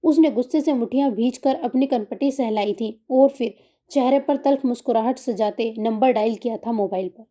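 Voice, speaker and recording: A woman narrating an audiobook novel in a steady storytelling manner. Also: fairly high pitch. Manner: steady storytelling, reads scene breaks aloud.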